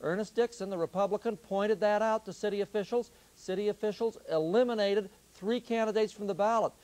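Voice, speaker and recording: A man giving political commentary on a news broadcast, brisk and explanatory. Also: sits high, a little mellow. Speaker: political analyst.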